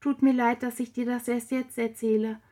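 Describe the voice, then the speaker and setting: A shaken teenage girl speaks in a quiet, halting way, as a woman reading aloud puts her on. Her voice sits a little high. She sounds close to tears in this storybook scene. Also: flat delivery, lightly acted. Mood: tearful.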